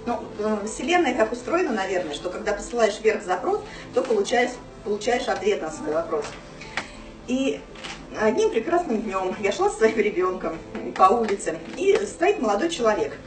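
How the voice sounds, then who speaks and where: A woman's voice: medium pitch, sing-song, normal speed, music in the background. A woman in her thirties telling her own story to a small audience, chatty and full of fillers, filmed from across a small office room. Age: 30s. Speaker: speaker at a business meeting. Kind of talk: personal story talk to an audience. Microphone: far camera, no mic. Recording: roomy, distant camera sound.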